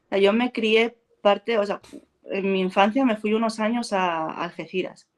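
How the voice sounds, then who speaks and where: A woman's voice: medium pitch, normal speed. A woman, an actress from Spain, chatting in an interview and telling anecdotes, acting out quoted lines and laughing often. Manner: animated storyteller, acts out quotes and laughs a lot. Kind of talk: casual interview chat.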